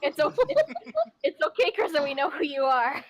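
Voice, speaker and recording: A woman's voice: extremely high pitch, sing-song, normal speed. A woman playing a tabletop game who teases the others playfully. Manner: teasing, playful. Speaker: player. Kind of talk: casual tabletop play.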